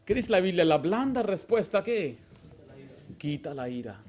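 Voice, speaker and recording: A man's voice: sits high, very animated, a little slow, darkish tone. A male pastor preaching a Baptist sermon, asking the congregation rhetorical questions and acting out little dialogues. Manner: acts out short dialogues in a raised voice.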